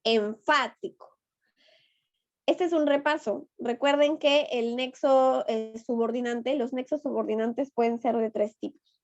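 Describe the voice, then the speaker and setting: A woman's voice: a little high, fairly even intonation, a little slow. A woman teacher, taking her class step by step and patiently coaxing answers out of her students. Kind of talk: online class lesson. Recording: dull lo-fi online class audio.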